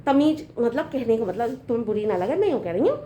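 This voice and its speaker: A woman's voice: on the high side, very animated, fast, dark tone, a little hiss or hum. A woman playing a patient young daughter-in-law who reasons at length in an earnest, lecturing way, in a comedy sketch.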